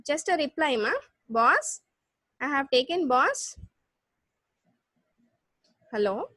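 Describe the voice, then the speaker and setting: A woman with a South Indian accent teaching a live online class, explaining step by step with repeats and halting restarts. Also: high voice, expressive, bright, forceful tone, no room sound, clean studio sound. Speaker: computer science lecturer. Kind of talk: live online lesson with check questions.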